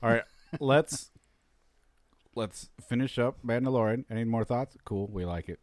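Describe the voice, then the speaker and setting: A man hosting a casual podcast chat, enthusiastic and quick to laugh. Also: medium pitch, no echo. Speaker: podcast host.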